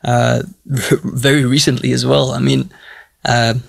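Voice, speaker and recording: A young man with a gravelly, creaky edge to his mid-pitched voice. He talks through his story hesitantly, restarting sentences as he thinks aloud. The sound is dry and close, with no room around it. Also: flat delivery, slow pace, dry recording. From Iceland. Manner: hesitant, restarts often, reflective. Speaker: musician guest. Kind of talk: casual interview talk.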